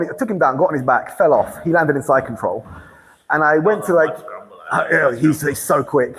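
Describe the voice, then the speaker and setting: A man in casual podcast chat, telling stories with lively energy, laughing often and restarting sentences. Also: a little high, big-room sound. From England. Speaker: grappling competitor, guest.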